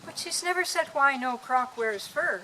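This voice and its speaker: A woman poet reciting her poems to a small audience in an outdoor park, with a gentle, lilting delivery. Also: high voice, expressive, normal speed, a little hiss or hum, rough recording.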